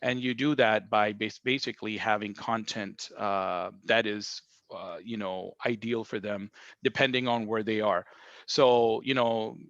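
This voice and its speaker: A man's voice: on the low side, fairly even intonation, a little slow, fairly bright tone, no echo, lo-fi sound. A man being interviewed as a marketing director, explaining his work thoughtfully with many fillers and restarts. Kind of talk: business interview.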